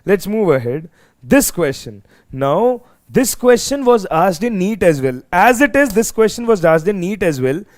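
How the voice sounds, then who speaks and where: Male teacher, North Indian accent, high voice, emphatic exam-lesson delivery with repeated phrases. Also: sing-song, unhurried. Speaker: chemistry teacher. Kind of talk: live exam revision lesson.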